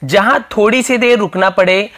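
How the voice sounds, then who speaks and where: A male teacher giving a recorded grammar lesson, explaining patiently step by step and repeating each example sentence with pauses. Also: high voice, fairly bright tone. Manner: frequent "uh" fillers.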